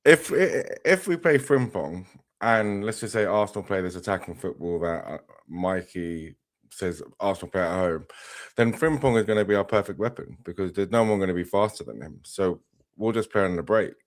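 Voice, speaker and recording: A man's voice: low voice, lively intonation, moderate pace, no echo. A man on a casual football podcast, arguing his point stubbornly. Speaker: podcast panelist.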